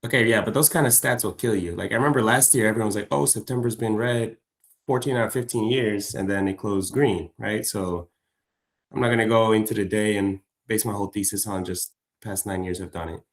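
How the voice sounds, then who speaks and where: A man's voice: on the low side, a little fast. A man hosting a live trading stream, chatting loosely with viewers and friends, full of fillers and slang. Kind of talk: casual livestream chat.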